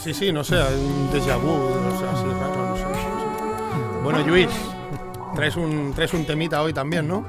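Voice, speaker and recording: A man's voice: on the high side, steady tone, normal speed, loud music behind the voice. A man hosting a comedy show, bantering with guests. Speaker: host.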